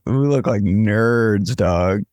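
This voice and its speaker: A man's voice: lowish voice, slow, darkish tone, dry recording. A young man co-hosting a casual podcast from a home studio, joking crudely and swearing a lot, a little congested. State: congested with phlegm. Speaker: podcast co-host. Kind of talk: casual chat. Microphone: over-ear headphones and studio mic.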